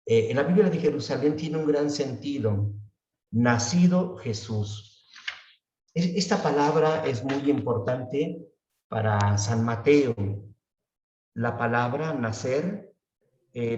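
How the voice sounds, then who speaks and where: Slow-talking man teaching a Bible class. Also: mid-range voice, a little mellow. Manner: unhurried, often asks "¿verdad?" and draws out words he repeats. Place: church room. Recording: echoey room, voice far from the mic, dull sound.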